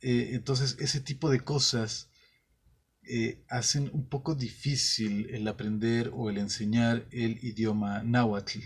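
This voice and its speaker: A man's voice: medium pitch, steady tone, slow, slightly rough. A man with a Mexican accent talks through his ideas at an easy pace, in a mid-range voice. He stops often to rephrase, leaning on fillers and small restarts as he thinks aloud. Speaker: channel host. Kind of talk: casual explanatory talk.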